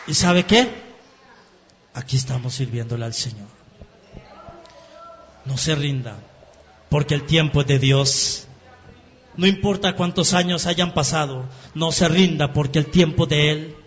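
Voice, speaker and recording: A man preaching his testimony in a sermon, turning emotional and rising to shouts at the peaks. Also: on the high side, moderate pace, slight background noise. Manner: emotional, rises to shouting at climaxes. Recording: dull sound in a reverberant hall.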